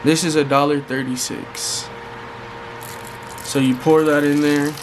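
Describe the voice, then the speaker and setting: An American man with a slightly high voice chats informally through a home tutorial, addressing viewers in a relaxed, colloquial way. A fan hums clearly in the background of the recording. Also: unhurried. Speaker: vlogger giving a fishing bait tutorial. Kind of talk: casual how-to vlog chat. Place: hot room at home with a fan running. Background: fan noise.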